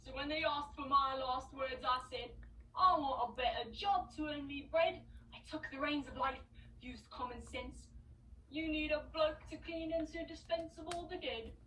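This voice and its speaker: Cheeky male Cockney street clown played by a woman, high bright voice, heard from afar on an echoey stage. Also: moderate pace, recorded from a distance, a little hiss or hum. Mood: chatty. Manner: rhyming, chatty, boastful. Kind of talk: stage play acting.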